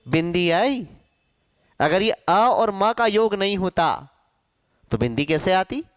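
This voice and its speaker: A male Hindi teacher giving a grammar lesson to a class, asking questions and answering them himself, sounding out syllables slowly. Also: high-pitched, lively intonation, clean tone, no echo, studio quality. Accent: Hindi, from central India.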